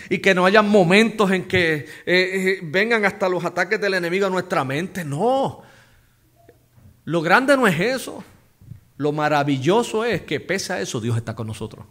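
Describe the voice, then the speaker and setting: A man preaching a sermon as pastor, emphatic, asking the congregation questions and dropping to hushed low phrases between loud stresses.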